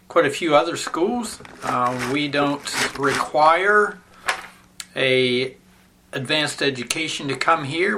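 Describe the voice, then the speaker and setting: A man teaching a Bible seminary lesson, speaking deliberately with frequent halting pauses before reading scripture in a solemn, measured way. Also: mid-range voice, sharp tone, slight background noise.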